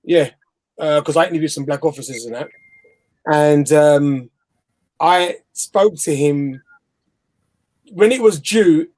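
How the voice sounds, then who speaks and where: A man with a Bajan accent and a slightly high, somewhat mellow voice takes his time, leaving long pauses, as he tells a rambling story and laughs. He's a guest interviewer in a casual live chat over a video call from home, and the audio quality is poor.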